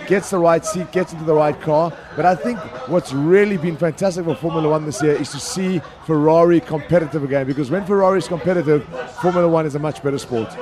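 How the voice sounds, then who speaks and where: Man, sports pundit, live discussion, fast pace, slightly high pitch, busy crowd behind. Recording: clear crowd chatter behind. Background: crowd chatter at a live venue.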